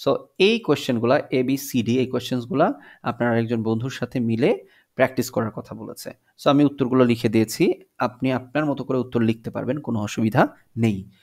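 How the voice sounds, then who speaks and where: A man teaching an English textbook lesson on video, reading English lines slowly and then explaining them in Bengali. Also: medium pitch, gravelly, darkish tone.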